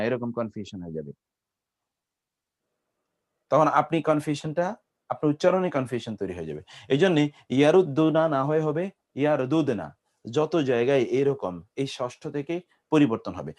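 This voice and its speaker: A man with a Bangladeshi accent gives an Arabic grammar lesson at a middle pitch. He breaks conjugations into single syllables and keeps asking his class questions. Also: darkish tone. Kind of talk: classroom lecture.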